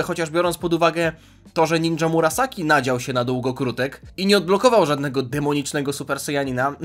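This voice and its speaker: A man giving casual video commentary, chatty and analytical as he weighs fan theories aloud. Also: fairly high pitch. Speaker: YouTube commentator on anime.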